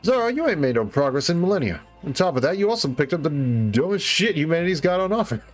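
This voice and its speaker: A man's voice: fairly high pitch, sing-song, fast. A man voicing a brash, swaggering male penguin mob boss who talks in cocky slang with threats, reading a game story aloud. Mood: taunting. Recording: faint music behind.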